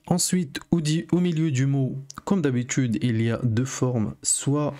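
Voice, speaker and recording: A man's voice: medium pitch, fairly even intonation, a little slow, dark tone. A man giving a patient video lesson, teaching letters step by step and repeating each sound for learners. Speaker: Arabic teacher.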